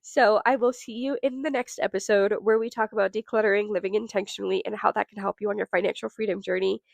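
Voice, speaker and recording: A woman's voice: fairly even intonation, quick pace, vocal fry, no echo. Nasal-sounding woman hosting a podcast. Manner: upbeat, direct sales pitch to listeners. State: nasal from a cold. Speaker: podcast host. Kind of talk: solo podcast talk.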